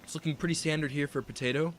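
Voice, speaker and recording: A man's voice: fairly high pitch, steady tone, racing. A young man giving play-by-play commentary on a strategy game, speculating on each move as it happens. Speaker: esports caster.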